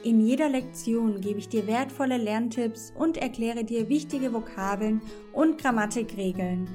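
A woman from Germany teaching a grammar lesson as a Spanish teacher, explaining slowly and deliberately and spelling out each example. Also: on the high side, warm tone.

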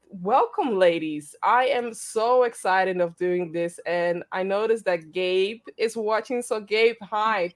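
Woman host, chatty and upbeat, leads a casual panel talk. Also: mid-range voice. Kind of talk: casual online panel chat.

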